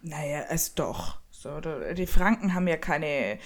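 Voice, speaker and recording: A woman's voice: sits low, big pitch swings, unhurried. A young woman from the Upper Palatinate in Bavaria, chatting casually and joking about herself, often laughing. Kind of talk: casual chat.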